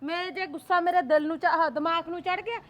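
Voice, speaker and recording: Woman playing a hot-tempered village busybody, very high voice, fast talk, blunt scolding. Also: steady tone. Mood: heated. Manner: blunt, scolding and sharp-tongued. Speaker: quarrelsome neighbor.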